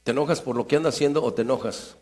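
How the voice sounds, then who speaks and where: A man preaching a sermon in a church, swinging between loud fervent prayer and quiet asides. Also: medium pitch, racing. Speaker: pastor.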